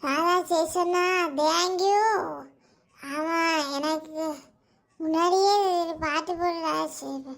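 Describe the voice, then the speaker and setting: A woman's voice: very high voice, fairly even intonation, extremely slow. A woman acting in a comic village sketch, fretful and pleading with giggles. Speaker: comedy sketch performer.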